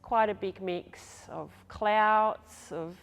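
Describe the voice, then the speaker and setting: A woman's voice: medium pitch, drawn-out words, vocal fry. A woman from Switzerland, an artist, talking casually and openly about her work. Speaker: visual artist. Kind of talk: interview monologue.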